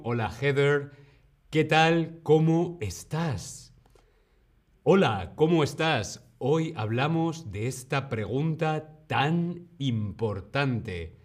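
A man from Spain with a Spanish accent, teaching a live-streamed language lesson. He greets viewers eagerly, then explains patiently and repeats his examples. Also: medium pitch.

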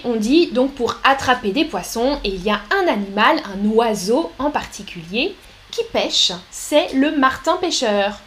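A woman teaching a live French lesson, speaking slowly and clearly and reading out viewer comments. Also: on the high side, a bit bright.

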